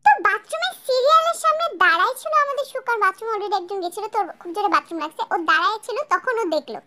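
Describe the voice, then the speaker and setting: A woman narrates a story and chats lively and directly with her listeners. Her voice is very high and bright, with a sharp edge. The tone is casual throughout. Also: fast.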